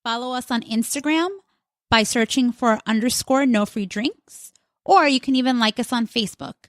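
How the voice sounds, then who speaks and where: This woman from Long Island, New York, co-hosts a casual podcast, chatting away and dropping "like" into her talk constantly. Her voice sits on the high side and moves at a moderate pace. The recording is studio quality with no room sound.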